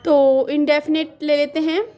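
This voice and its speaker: A woman teaching a grammar class, patiently repeating key words slowly while she writes them out. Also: high-pitched, level tone, warm tone. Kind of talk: classroom lesson explaining grammar.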